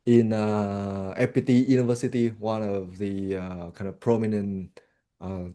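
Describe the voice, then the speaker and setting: A man's voice: lowish voice, flat delivery, measured pace, warm tone. A man in his thirties from Vietnam with a Vietnamese accent, answering questions as a podcast guest and stopping often to restart his sentences. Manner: hesitant, many restarts and fillers. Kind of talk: casual interview chat.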